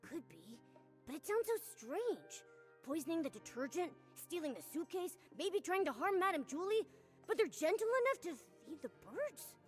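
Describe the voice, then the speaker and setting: Cute curious video game sidekick creature: very high, swooping, expressive, over faint music. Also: female voice, moderate pace. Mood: puzzled. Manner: animated, expressive. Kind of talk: scripted game dialogue.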